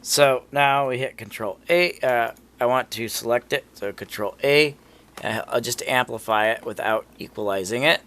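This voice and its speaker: Bright, forceful man demonstrating gear. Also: medium pitch, moderate pace. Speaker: vintage microphone hobbyist demonstrating gear. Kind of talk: casual demonstration talk. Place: cluttered dim home room.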